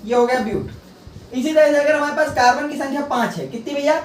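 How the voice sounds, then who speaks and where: In a classroom lecture, a chemistry teacher with a very high-pitched voice talks fast, repeats key terms, and runs a call-and-response of his own rhetorical questions and answers. The echoey recording catches him from afar, with a little hiss or hum.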